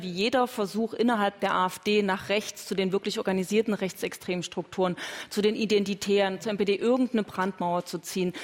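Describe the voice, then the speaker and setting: A woman politician arguing firmly in a televised panel debate, with frequent hesitation sounds. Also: medium pitch. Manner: firm, argumentative, with many hesitation sounds. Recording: hall with long reverb.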